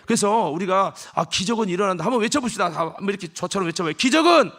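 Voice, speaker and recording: A high-voiced man preaches a Sunday sermon in a church, bringing the scripture alive by acting out each character's lines. He swings between loud calls to the congregation and quiet, close asides. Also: racing. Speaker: senior pastor. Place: church sanctuary.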